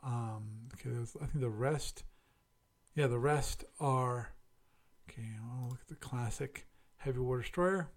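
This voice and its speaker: In a mid-range voice at a measured pace, a man hosts a casual solo podcast. He muses aloud while reviewing and chatting, frequently correcting himself.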